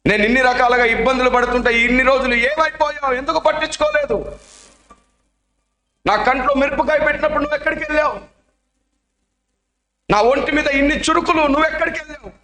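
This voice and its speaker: A man voicing an orphaned boy who sobs and shouts pleading questions at God during a sermon. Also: very high-pitched, fairly quick, pauses often, voice pushed up. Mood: anguished, crying. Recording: echoey church hall.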